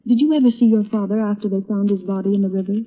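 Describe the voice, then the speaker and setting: A woman's voice: medium pitch, steady tone, racing, lightly acted. Woman playing earnest probing radio-drama sleuth, muffled. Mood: insistent. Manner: insistent, dramatic. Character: determined, probing woman investigator, earnest and forthright. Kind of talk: 1930s-40s radio acting. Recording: muffled, narrow-band old radio recording.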